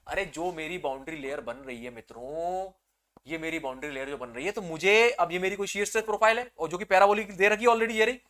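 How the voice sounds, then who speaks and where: A male teacher delivers an engineering lecture aimed at exam preparation, addressing his students as "beta." He poses questions and answers them himself, swinging energetically into loud excitement, and his voice sits high.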